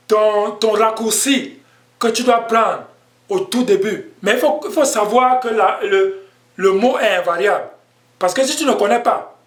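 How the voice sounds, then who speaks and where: A man's voice: high-pitched, reverberant. A man teaching an online language lesson, explaining patiently and repeating himself. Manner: slow, patient explaining with repetitions.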